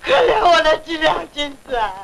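A woman's voice: high-pitched, lively intonation, fast talker. An actress playing a quarrelsome, wronged woman tenant who argues shrilly, in 1940s film acting. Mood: wailing. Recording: very hissy old film soundtrack.

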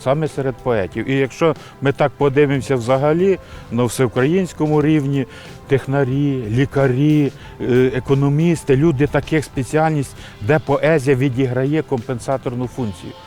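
A man's voice: medium pitch, normal speed, mellow, faint music behind. Reflective older man, poet interviewee. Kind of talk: interview answers.

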